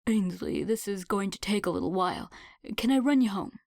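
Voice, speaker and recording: A calm, protective man, read by a woman in her natural middle pitch, measured and soothing. The sound is dry and close, as an audiobook. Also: no echo, natural voice. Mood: careful. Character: calm, protective man, police officer type.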